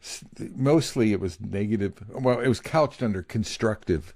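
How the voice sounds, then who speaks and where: A middle-aged man co-hosts a leadership podcast from his home office, chatting casually, candidly and a bit ramblingly, now and then turning feisty. His fairly low voice has a darkish tone and moves at normal speed, recorded dry and close to the mic.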